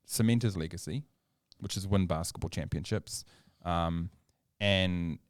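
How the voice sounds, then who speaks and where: Podcast co-host, male, low smooth voice, argues his case emphatically; dry close mic. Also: unhurried, no echo. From New Zealand. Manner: opinionated, emphatic, argues points with rising energy. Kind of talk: casual sports chat.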